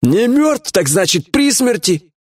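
A crude, menacing gang boss with a husky, raised voice that swings all over the place, as a male audiobook reader puts him on. He barks orders and scolds in a bullying, gruff way. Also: high voice, big pitch swings, unhurried, voice pushed up, exaggerated voice. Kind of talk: audiobook character voice.

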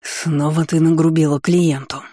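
A man voicing a crude, irritable middle-aged pub owner who lisps and scolds slowly. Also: fairly high pitch, steady tone, darkish tone, no echo, studio quality, lightly acted. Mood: scornful. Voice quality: lisping. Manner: slow, drawn-out scolding.

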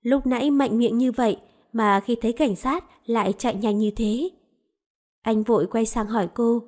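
A woman reads a romance novel aloud in calm, even storytelling. Her voice is mellow and sits a little high. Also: moderate pace. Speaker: audiobook narrator. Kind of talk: scripted narration of a romance novel.

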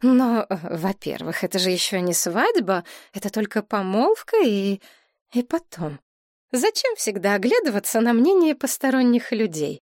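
A woman's voice: mid-range voice, sing-song, normal speed, darkish tone, no room sound, clean studio sound, lightly acted. A woman voicing an anxious, easily upset widowed mother who pleads shrilly and emotionally in an audiobook. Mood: flustered. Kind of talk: audiobook character reading.

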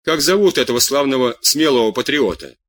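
A man voicing a gruff, blunt middle-aged farmer with curt, impatient questions. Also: mid-range voice, lively intonation, brisk, a bit bright, natural voice.

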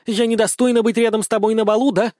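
A man's voice: high-pitched, level tone, fast talker, a little mellow, dry recording, clean studio sound, voice pushed up, natural voice. A man reading an audiobook, voicing a bold, pushy young woman who leads a fencing club, in a raised voice. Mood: pleading.

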